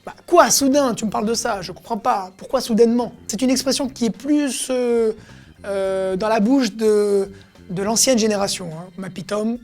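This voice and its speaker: A woman's voice: on the high side, moderate pace, a little mellow, faint music behind. A woman teaching everyday expressions in a casual lesson, explaining each word and acting out how it is said. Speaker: Hebrew teacher.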